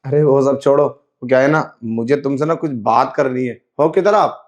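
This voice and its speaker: A man acting in a short scripted skit plays a sleazy character pretending to be blind, speaking in a sly, wheedling way and repeatedly saying "you know." His voice is mid-range at a moderate pace, and the highs are cut off.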